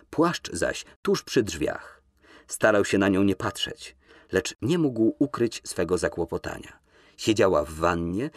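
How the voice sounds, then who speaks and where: A man narrating an audiobook in a measured, expressive reading voice, recorded in a studio. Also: low-pitched, no echo.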